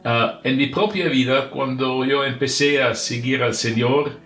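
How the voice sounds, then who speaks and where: Slow, halting Austrian-accented man. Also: mid-range voice, fairly bright tone, roomy sound, faint music behind. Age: middle-aged. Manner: halting, non-native speech with searching pauses. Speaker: religious brotherhood member, communications director. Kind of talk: prepared spiritual reflection for a podcast.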